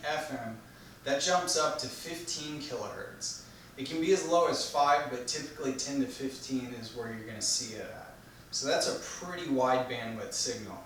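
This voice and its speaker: Guy doing a technical explainer speech, teacherly, mid-pitched voice, really roomy echo with a bit of noise. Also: fairly bright tone. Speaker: presenter giving an informational speech. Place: echoey room, recorded from a distance. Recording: very echoey room, distant mic, faint noise.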